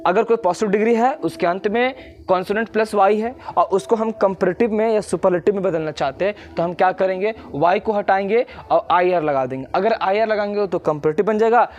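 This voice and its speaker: Male teacher, high-pitched, quizzes students with repeated questions while drilling a rule. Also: a little fast, darkish tone. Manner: drills by repetition. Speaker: grammar teacher. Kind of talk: classroom lecture.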